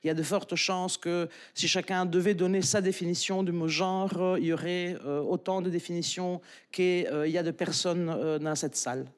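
An academic speaker from Italy, a woman in her forties, addresses a lecture hall through a handheld mic, her French carrying an Italian-Belgian accent. She sounds lowish and steady at a moderate pace, stumbling through many fillers and restarts.

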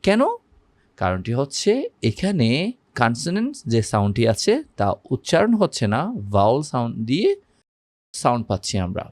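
A man's voice: medium pitch, big pitch swings, moderate pace, a little mellow, no room sound. A man teaching English grammar with a Bengali accent, repeating examples and checking in with the viewer. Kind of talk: grammar lesson for Bengali speakers.

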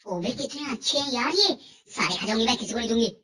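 A man's voice: very high voice, animated, fast talker, recorded from a distance, noisy background, voice pushed up. A man voicing a rude, bossy and greedy female pet dog who scolds and calls names, in a comic video. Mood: greedy, indignant. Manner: scolding, name-calling, demanding.

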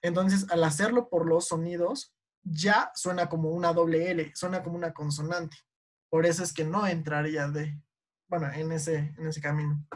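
A Mexican woman teaching an online class, explaining poetry meter slowly and patiently, and often checking in with a quick "ok?" as she goes. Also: low-pitched, steady tone.

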